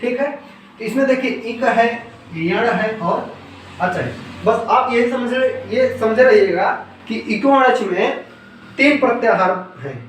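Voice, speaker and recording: A high-voiced man explains grammar rules step by step at an unhurried pace, asking his listeners a question, answering it himself, and repeating key terms. He is some distance from the mic in a strongly echoing room, with faint hiss underneath.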